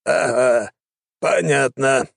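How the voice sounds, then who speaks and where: A man voicing an excitable, scheming male gnome king in an audiobook, exclaiming theatrically. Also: medium pitch, takes it slowly, gravelly, no echo, clean studio sound, pitched above the performer's own voice, full character voice. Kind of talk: audiobook character voice.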